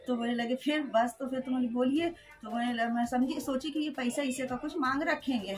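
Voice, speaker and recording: High-voiced woman telling her story. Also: fairly even intonation, brisk. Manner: storytelling, quoting others' words, frequent "haan, ji". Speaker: interviewee recounting an incident. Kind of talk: emotional first-person account.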